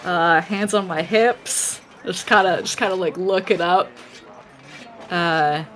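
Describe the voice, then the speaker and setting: A woman playing a tabletop role-playing game, describing her character's actions step by step in a measured way. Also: fairly low pitch, fairly bright tone.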